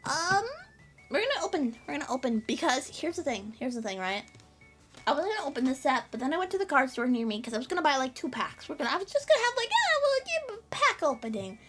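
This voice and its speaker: A woman's voice: sits high, big pitch swings, fast talker, a bit bright, faint music behind. A woman streamer chatting casually to her chat, bubbly and rambling with frequent giggles.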